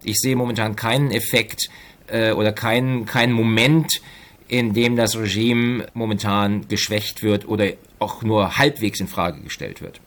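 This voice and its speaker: A middle-aged man, an economics professor, giving careful analytical answers in an interview, pausing often to find his words. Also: lowish voice, fairly even intonation, a bit bright. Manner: measured, analytical, with frequent hesitations.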